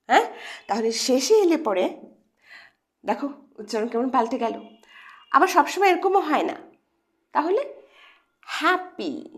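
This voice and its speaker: A woman's voice: sits high, creaky. A woman teaching English pronunciation to students, explaining patiently step by step and often checking with questions. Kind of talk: lesson for students.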